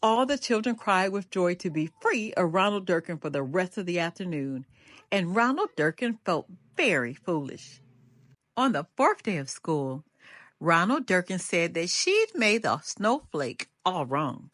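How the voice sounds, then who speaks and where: Reading a children's picture book, an older storyteller stretches out each refrain in an animated, deliberate way. Her pitch sits fairly low, and the recording is clean studio audio without any room sound.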